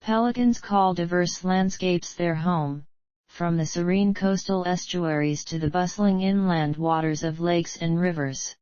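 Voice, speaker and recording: A woman's voice: fairly low pitch, unhurried, a little mellow, smooth, no echo, highs cut off. A woman reading polished, explanatory nature documentary narration from a script.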